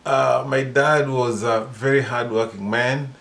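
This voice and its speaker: A Kenyan man in his sixties, answering his daughter's questions in a casual family interview, pausing often with "uh" between his words. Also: medium pitch, steady tone, creaky, a bit bright. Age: 60s. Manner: hesitant, many pauses and "uh" fillers. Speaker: interviewee, father.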